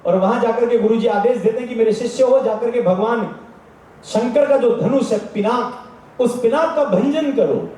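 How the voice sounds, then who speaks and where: A man's voice: very high voice, mellow, a little hiss or hum. A man with a Rajasthani accent giving an earnest religious discourse to a gathering, exhorting his listeners. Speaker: spiritual speaker. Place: large gathering space. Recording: echoey from far off.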